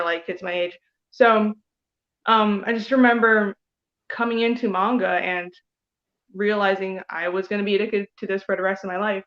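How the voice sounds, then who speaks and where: A woman's voice: medium pitch, muffled recording. A woman in her thirties from Taiwan, a comic artist guest, chatting casually and rambling with lots of "like" and "you know". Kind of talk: casual interview chat.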